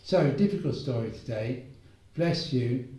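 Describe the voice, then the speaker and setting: A man telling a moral story as a gentle, unhurried homily, pausing often. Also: medium pitch, expressive. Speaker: preacher. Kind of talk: reflective spoken homily. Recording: echoey room, voice far from mic.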